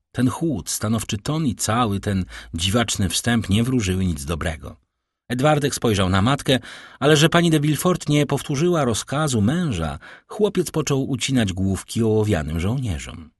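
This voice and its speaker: A man narrating a classic novel as an audiobook in a dramatic, expressive way. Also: mid-range voice, moderate pace, breathy edge, dry recording, clean studio sound. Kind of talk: scripted literary narration.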